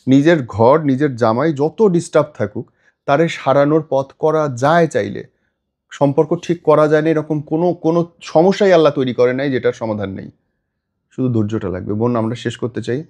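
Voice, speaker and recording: Fast-talking blunt male advice-show host. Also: mid-range voice, darkish tone. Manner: blunt, scolding, sarcastic interjections. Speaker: radio-style show host.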